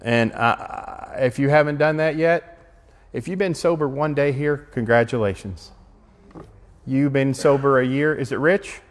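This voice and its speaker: A man's voice: mid-range voice, a little slow. A man pastor giving an earnest, emotional testimony sermon that rises to fervent exhortation. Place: meeting hall. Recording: long reverb of a meeting hall.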